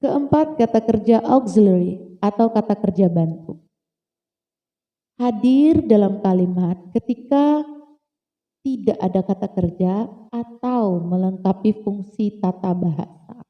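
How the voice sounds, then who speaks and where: A woman's voice: medium pitch, unhurried, long reverb tail, dull audio, soft background music. A woman teaching grammar in a casual, patient way, repeating points and checking that listeners follow. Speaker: English teacher. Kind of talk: casual lesson explaining grammar.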